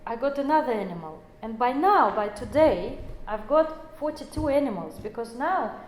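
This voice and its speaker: Woman, forties, lecturer, English, halting with fillers, higher voice, roomy echo. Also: lively intonation. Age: 40s. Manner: non-native phrasing, many fillers and self-corrections. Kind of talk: explanatory lecture. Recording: echoey room.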